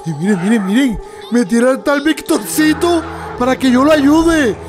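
High-voiced excitable young man gaming. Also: normal speed, over music. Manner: excitable, laughs often, yelps and exclaims at scares. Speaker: gaming YouTuber. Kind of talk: excitable let's-play commentary.

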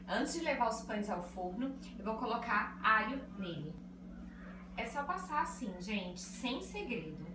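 An excited woman records a casual cooking vlog in a small tiled home kitchen, chatting and explaining each step to viewers. Her voice sits on the high side with big pitch swings and a measured pace. A phone on a tripod picks her up from a distance in an echoey room, with background noise and music.

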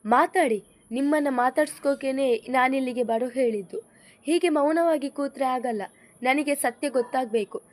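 A stern mother-in-law from a spoken family drama, grave and questioning, as a woman reads her lines. The voice is high for a woman. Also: moderate pace, a little mellow, dry recording, close to an everyday voice.

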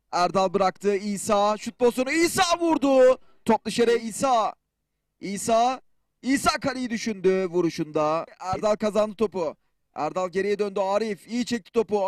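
High-pitched, excitable male football commentator who screams. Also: dry recording. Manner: screams on shots and goals; short clipped phrases, calling players by first name.

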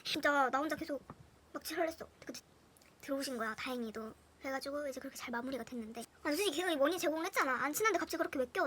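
A young woman with a Gyeongsang Korean accent telling funny school stories to her viewers in a casual, animated way, swinging between hushed whispers and loud bursts with lots of laughter. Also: high-pitched, slight background noise. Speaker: storyteller vlogger. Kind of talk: casual anecdote storytelling to viewers.

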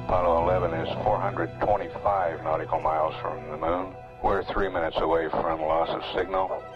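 This is a man's deep, level voice coming through a radio transmission as a mission control announcer. His steady, measured reports sit in a muffled, lo-fi archival recording with music playing loudly behind. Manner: steady, measured, matter-of-fact. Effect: heard over a radio transmission. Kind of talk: formal broadcast announcements.

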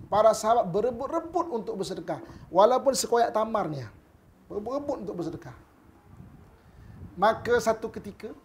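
A Malaysian Malay preacher with a high-pitched voice gives a lively sermon. He tells stories and acts out each exchange, turning often to his listeners. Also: a little hiss or hum. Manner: storytelling, acts out dialogue, addresses audience directly. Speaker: religious preacher.

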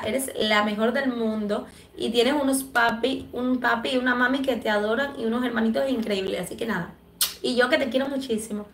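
A Cuban woman with a Cuban Spanish accent, hosting a livestream and reading viewer comments in a chatty, affectionate way, clearing her throat from allergies. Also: a little high, fairly bright tone, echoey room. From Cuba. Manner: chatty and affectionate, many fillers. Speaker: livestream host.

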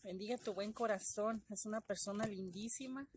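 Excited woman unboxing plants. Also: medium pitch, normal speed, heavy background noise. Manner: excited and emotional, giggly, talks to viewers. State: trembling with excitement. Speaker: gardening vlogger. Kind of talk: casual unboxing vlog.

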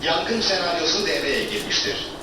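A man making a formal emergency announcement in a measured, commanding way, heard over a building loudspeaker. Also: on the high side, sing-song. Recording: echoey distant loudspeaker outdoors, loud street noise.

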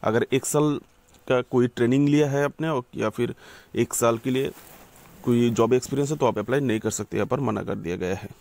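A YouTube channel host with a medium-pitched, slightly dark voice and some vocal fry talks a little quickly. In an informal voice-over he guides viewers through a job notification, repeatedly calling them friends and correcting himself as he goes.

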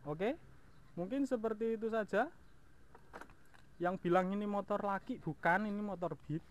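Speaking at a moderate pace in a high-pitched voice, this motovlog host gives viewers a casual, colloquial walkaround of his motorbike. The clip was shot outdoors in a house yard on an action camera, with background noise clearly audible.

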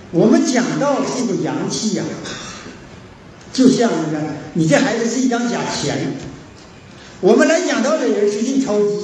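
A man's voice: very high-pitched, darkish tone. A man with a Northeastern Mandarin accent tells stories in a folksy moral sermon, acting out the dialogue with broad animation. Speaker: moral teacher lecturing at a forum. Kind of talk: storytelling folk sermon. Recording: very echoey hall, distant mic, faint hiss.

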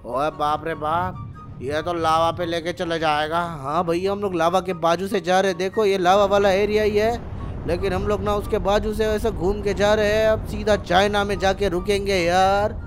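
High-pitched young male gamer, excitable, loud outbursts, faint music behind. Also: normal speed. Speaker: gaming channel host. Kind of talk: excited gameplay commentary.

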